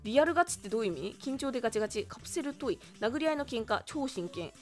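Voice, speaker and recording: A woman's voice: on the high side, animated, fast talker, faint music behind. A young woman giving casual let's-play commentary on a word quiz game, reading each question aloud and chatting about her answers.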